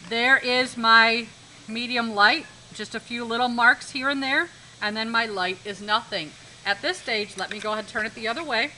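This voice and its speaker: A woman's voice: on the high side, moderate pace, sharp tone, a little hiss or hum, poor audio. A woman art teacher giving a live demonstration lesson in a classroom, instructive, repeating key points and checking that students follow.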